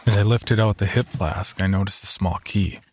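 A man narrating a first-person horror story in a measured, storytelling tone. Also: on the low side, fairly even intonation, a little hiss or hum.

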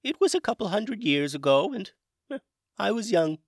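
A man voicing a genial, eccentric old dragon wizard with a high, airy, chatty voice. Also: very animated, normal speed, no echo, clean studio sound, full character voice.

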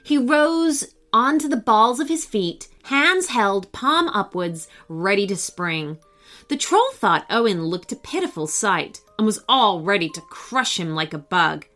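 Expressive woman reading a children's story. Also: medium pitch, measured pace, faint music behind. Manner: expressive, animated. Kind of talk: scripted children's story narration.

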